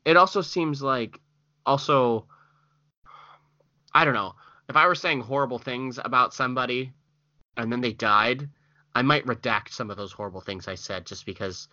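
A man's voice: medium pitch, moderate pace, pauses often, pushed and bright, no echo, highs cut off. A man co-hosting a casual true-crime podcast, reacting with skeptical, dry remarks and questions. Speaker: podcast co-host.

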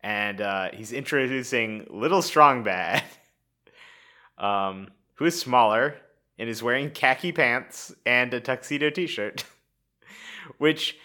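A young man with a bright, forward voice co-hosts a podcast. He talks in loose, rambling sentences full of "like" and "uh," often breaking into laughter. His pitch sits in the middle range for a man. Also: takes it slowly. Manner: rambling, frequent fillers and laughs. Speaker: podcast co-host. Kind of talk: casual chat.

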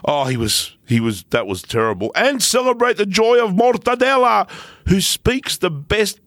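A man's voice: sits high, very animated, normal speed, fairly bright tone, no echo. An Australian man co-hosting a podcast with blunt, sweary, irreverent casual banter. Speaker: podcast co-host.

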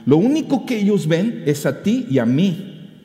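A man preaching a sermon as pastor, animated and rising to emphatic peaks. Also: sits high, a little slow. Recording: roomy hall with long reverb.

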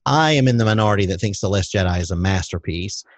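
A man hosting a movie review podcast, talking in a relaxed, measured way with light jokes. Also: on the low side, no room sound. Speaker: podcast host. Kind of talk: casual movie review chat.

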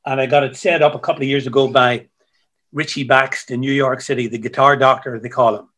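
A man, a musician guest who tells stories in a halting way, repeating words, heard over a video call. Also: medium pitch, steady tone, a bit bright. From Ireland. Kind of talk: casual interview chat.

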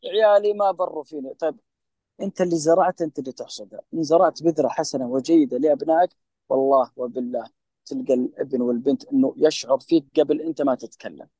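A man's voice: medium pitch, quick pace, dark tone, dry recording, poor audio. A man with a Saudi Gulf accent, a mental health specialist speaking as a guest on a podcast interview. He gives impassioned advice in an emphatic, preachy way and often speaks straight to the listener. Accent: Saudi Gulf Arabic.

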